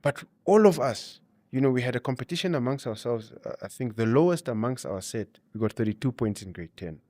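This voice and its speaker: A man's voice: mid-range voice, expressive, fairly quick, darkish tone, no echo. A man giving advice and telling stories as an interview guest, explaining his points with frequent 'you know' and 'you see'. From Namibia. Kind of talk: conversational interview advice and storytelling.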